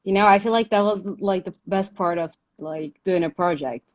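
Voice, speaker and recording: A young woman from Turkey, speaking at a moderate pace in a fairly low pitch, casually interviews a guest over video call for a livestream. She's chatty and fills her talk with "like" and "uh," and the audio is dull and lo-fi.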